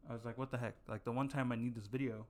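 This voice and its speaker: A man's voice: medium pitch, fairly even intonation, racing, darkish tone. A young man co-hosting a podcast, telling a long story in casual chat with many fillers and restarts. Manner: rambling, filler-heavy storytelling. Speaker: podcast co-host.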